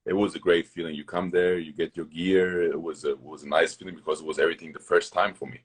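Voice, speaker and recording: A young man from Germany, a basketball player, telling stories fast in loose, broken English as an interview guest. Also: sits low, little pitch movement, slightly rough. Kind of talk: casual interview storytelling.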